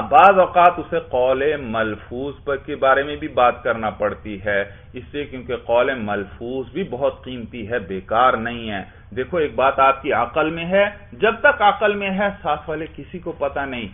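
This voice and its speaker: A man teaching a class, explaining step by step and asking his students questions that he then answers himself. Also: medium pitch. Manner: explains with repeated questions and answers, often adds "bhai". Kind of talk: classroom lecture. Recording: tinny phone-like sound.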